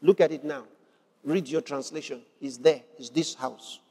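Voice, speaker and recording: A male preacher with a high voice delivers a fervent sermon, repeating phrases and building up to shouts. His tone is steady with a breathy edge, his pace moderate, and the long reverb of a large hall surrounds him.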